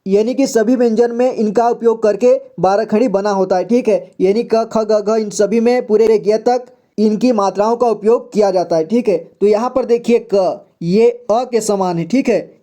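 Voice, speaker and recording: A man's voice: high-pitched, fairly even intonation, moderate pace, mellow. A man teaching a beginners' reading lesson, patiently sounding out syllables one by one and checking in with frequent "okay?" asides. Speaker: Hindi teacher.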